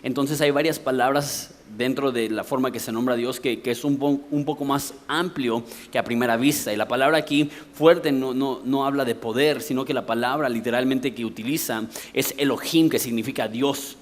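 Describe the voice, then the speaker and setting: A man's voice: medium pitch, steady tone, normal speed, hardly any pauses, a little hiss or hum. A Mexican man preaching a sermon from the pulpit, explaining things in a conversational way and asking rhetorical questions. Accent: Mexican Spanish. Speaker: pastor.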